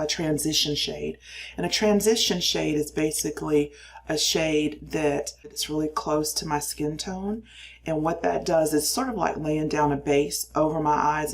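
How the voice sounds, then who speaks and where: In a tight little room, a makeup reviewer, an older woman whose voice sits low, walks through her routine in a relaxed, chatty way. She explains what she's doing and pokes fun at herself along the way.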